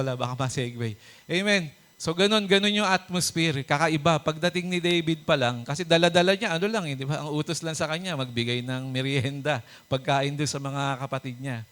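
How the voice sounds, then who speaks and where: A pastor giving a conversational sermon, mixing Tagalog and English, chuckling often and checking in with the congregation with "di ba?" and "Amen?". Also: male voice, on the high side, a bit bright. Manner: chuckles often while preaching; hesitant, with many fillers and restarts.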